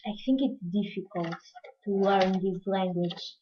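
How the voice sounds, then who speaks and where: A woman with a Portuguese accent, from Portugal, runs a live craft demonstration, chatting with viewers and responding to their questions while she works. She has a medium-pitched, steady voice and a measured pace. The dull lo-fi stream carries a little hiss or hum.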